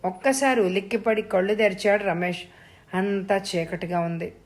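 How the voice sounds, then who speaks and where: Measured woman storyteller. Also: mid-range voice, fairly even intonation. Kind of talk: scripted narration of a suspense audio story.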